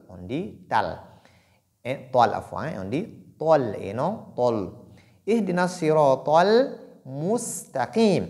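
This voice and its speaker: Slow, lively-pitched male recitation teacher. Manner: deliberate, repeats sounds to demonstrate them. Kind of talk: pronunciation lesson.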